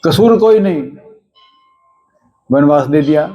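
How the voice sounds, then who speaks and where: A man's voice: fairly high pitch, lively intonation, takes it slowly, warm tone. A man giving a devotional discourse, asking his listeners rhetorical questions and chanting scripture verses now and then. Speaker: religious storyteller.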